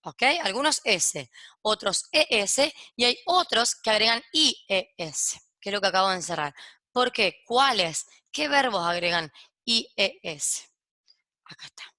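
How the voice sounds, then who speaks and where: Bright woman teacher, walks kids through english verb endings one by one, keeps asking ok?, dry close sound. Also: medium pitch, animated, a little slow, no room sound. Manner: explains step by step, checks in with "¿ok?" after each point; switches between Spanish explanation and English examples. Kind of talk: recorded grammar lesson for kids.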